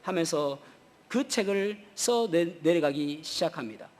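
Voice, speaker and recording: Animated, high-pitched preaching man. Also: a little slow, in a large hall. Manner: animated preaching, voice rising when voicing prayers and complaints to God; hesitant fillers and restarts. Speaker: pastor. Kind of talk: sermon. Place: church sanctuary.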